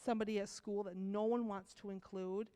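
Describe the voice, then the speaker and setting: A woman with a cold giving a children's sermon, telling a story to kids with lively asides and questions. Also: medium pitch, brisk, smooth. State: has a cold. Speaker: children's message leader.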